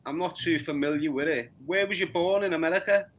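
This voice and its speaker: A man in his forties with a Liverpool accent, interviewing a guest with halting, repeated words. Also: a little high, a bit bright, muffled recording. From Liverpool, England. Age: 40s. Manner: repeats words, stumbles into questions. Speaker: podcast interviewer. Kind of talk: casual interview.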